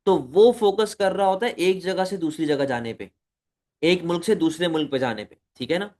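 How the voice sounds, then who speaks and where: Guy teaching economics, kinda high voice, keeps asking students questions and throwing in english words. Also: normal speed, a little mellow. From Pakistan. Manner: addresses students as beta, asks rhetorical questions, mixes in English. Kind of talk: recorded lecture.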